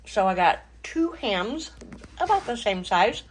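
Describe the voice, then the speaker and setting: This middle-aged cooking channel host chats her way through a home kitchen video in a relaxed, chatty manner, sprinkling in fillers and small laughs. Her voice sits in the mid range and moves at a measured pace, with slight background noise.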